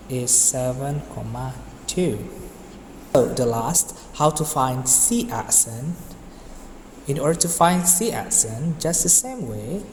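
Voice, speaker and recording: A man's voice: mid-range voice, a little mellow, a little hiss or hum. A man teaching a math lesson, methodically talking through each step of the working. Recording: roomy echo with long reverb.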